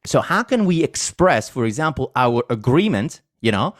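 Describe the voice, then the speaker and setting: A man's voice: mid-range voice, very animated, normal speed. A man with an Italian accent hosting an interview, asking questions with enthusiasm and laughing often. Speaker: podcast host. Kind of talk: casual interview chat.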